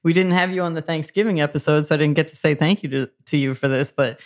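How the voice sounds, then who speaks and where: A woman co-hosting a podcast, speaking with warm appreciation and light laughter. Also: low voice, fast. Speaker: podcast co-host. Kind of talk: casual podcast chat.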